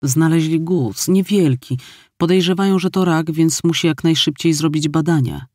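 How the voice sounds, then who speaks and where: Man voicing cheeky calm young twin girls, audiobook, raised pitch, dry close sound. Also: moderate pace, no room sound, natural voice.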